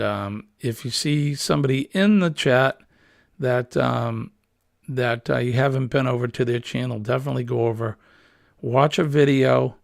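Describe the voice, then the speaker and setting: Reading viewer comments on his livestream, this man rambles in an easygoing way and says um and uh a lot. His mid-range voice is husky, smoky and a bit gravelly, and the built-in computer webcam mic makes it sound close and dry.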